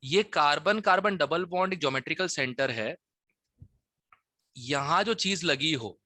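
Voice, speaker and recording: A man's voice: a little high, expressive, measured pace, bright, forceful tone, dry recording, studio quality. A man teaching a chemistry class, explaining test questions and often checking that students follow. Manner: Hinglish teaching, frequent "ठीक है?" checks.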